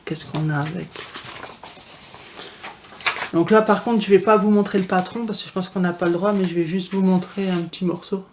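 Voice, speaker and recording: A woman's voice: on the low side, fairly even intonation, moderate pace, long pauses, darkish tone, slight background noise. A woman vlogger showing her cross-stitch kits in a casual, chatty way, with frequent fillers and restarts. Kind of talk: casual show-and-tell chat.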